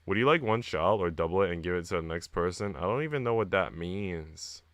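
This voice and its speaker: This man has a deep, animated voice with a fairly bright tone, and he talks briskly; the recording itself is dry. He is live streaming, moving between casual viewer chat and reading story text, with background music playing.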